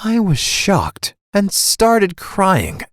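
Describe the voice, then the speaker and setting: A young man narrating a first-person animated story in a dramatic, scripted way. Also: high voice, drawn-out words, no echo, clean studio sound.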